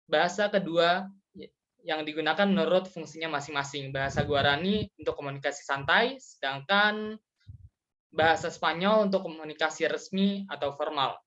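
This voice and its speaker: Young student moderator, formal, middle pitch, numbered points, muffled lo-fi audio. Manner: formal, steady reading with enumerated points. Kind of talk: class presentation. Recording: dull lo-fi recording.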